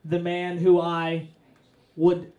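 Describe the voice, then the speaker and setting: Young male stand-up, slightly high voice, dry profane storytelling, echoey venue. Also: slow, narrow, tinny audio. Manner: profane, deadpan build to punchlines. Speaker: stand-up comedian. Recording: roomy echo.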